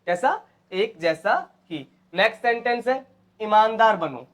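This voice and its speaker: A man's voice: high voice, expressive, a little slow, a bit bright. An Indian man teaching English phrases, repeating each one and quizzing his students. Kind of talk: spoken English lesson in Hindi.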